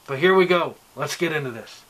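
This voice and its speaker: A man's voice: on the high side, animated, brisk, fairly bright tone, poor audio. An American man giving informal political commentary straight to online viewers, insistent and explanatory, posing rhetorical questions.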